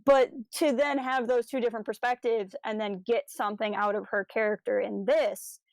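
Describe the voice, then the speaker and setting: With a fairly high, somewhat mellow voice, this woman co-hosts a podcast, discussing a fan audio drama in a relaxed, eager and analytical way. She keeps a steady tone at a moderate pace, and there's no echo.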